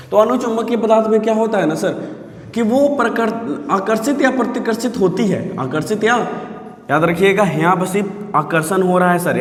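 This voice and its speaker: Male physics tutor, high voice, echoey room with long reverb. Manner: constantly checks understanding, repeating phrases, addresses viewers as sir. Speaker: physics teacher. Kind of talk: classroom physics lesson.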